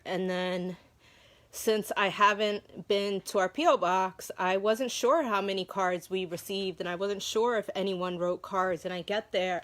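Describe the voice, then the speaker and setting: A woman's voice: medium pitch, a bit bright. A woman who founded a nonprofit, speaking casually on a livestream from her office, gushing and emotional as she reads cards aloud, with "like" all through her talk.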